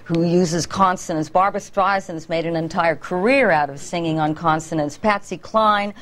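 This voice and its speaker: A woman's voice: fairly low pitch, normal speed. Articulate middle-aged woman vocal coach, leans into consonants, interview guest. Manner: articulate, demonstrative, stretches consonants. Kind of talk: morning show interview.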